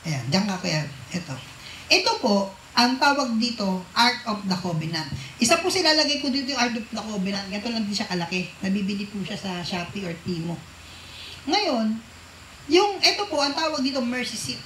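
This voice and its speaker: A woman's voice: mid-range voice, big pitch swings, a little fast, fairly bright tone, slight background noise. A woman preaching a sermon to a congregation, often asking them questions and mixing English phrases into her talk. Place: church hall with a congregation. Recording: echoey church hall.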